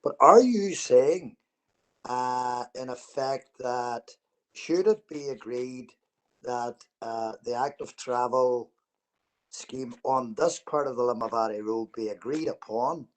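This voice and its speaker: A man's voice: mid-range voice, slow, rough recording. Councillor guy on an ipad call, lots of ums and restarts. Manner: hesitant, many fillers. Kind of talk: formal meeting question. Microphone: iPad on a remote call.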